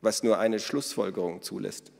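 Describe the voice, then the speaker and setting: Male reader voicing a patient, wry father, dry and unhurried, storybook, reverberant sound. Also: fairly low pitch, creaky. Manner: calm and dry. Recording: long reverb.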